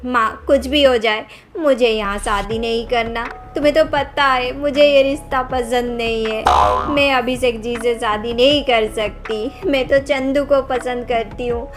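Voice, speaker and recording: A woman's voice: a little high, steady tone, measured pace, music in the background, natural voice. A woman voicing a tearful, defiant young daughter. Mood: pleading. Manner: pleading, stubborn. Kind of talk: Hindi cartoon story voice acting.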